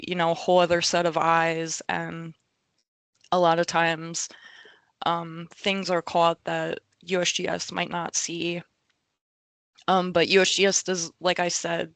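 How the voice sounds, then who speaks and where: Woman presenter, halting and filler-heavy, slightly strained voice; flat, smooth delivery on a dry call mic. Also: fairly low pitch, no room sound. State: losing her voice. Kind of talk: webinar presentation. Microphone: video call.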